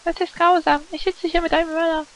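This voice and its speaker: A man voicing a calm, practical young woman in a high falsetto, reading game dialogue aloud. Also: fast talker, low-quality recording. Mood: calm, matter-of-fact.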